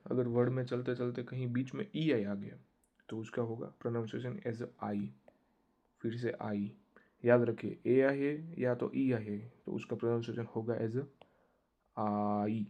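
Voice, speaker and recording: A man giving a casual online German lesson, explaining slowly and repetitively while mixing Hindi and English. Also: medium pitch, dark tone, dull audio. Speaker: German language teacher.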